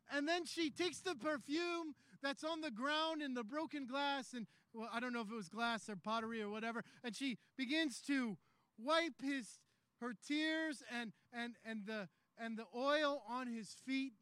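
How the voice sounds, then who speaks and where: High-pitched, bright-voiced preacher man. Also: smooth, no echo. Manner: preaching with rising, shouted climaxes; conversational storytelling between climaxes. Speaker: pastor. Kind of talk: sermon.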